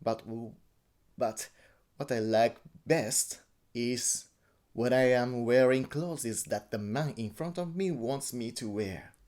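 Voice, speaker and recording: Recounting his own experience, a Japanese man speaks hesitant English with a Japanese accent, often going back to repeat or fix words. He's being interviewed, and his medium-pitched voice is a little mellow.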